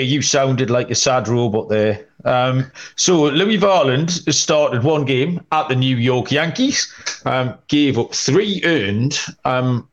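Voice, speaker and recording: Man hosting a betting podcast. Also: mid-range voice. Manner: brisk, reads stats with filler "um" and "uh". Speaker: podcast host. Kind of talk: casual sports betting chat.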